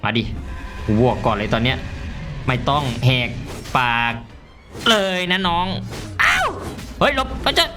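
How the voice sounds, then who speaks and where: A young man giving casual, excitable commentary while playing a mobile game, loud and swearing often. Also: medium pitch, measured pace, pauses often, faint music behind.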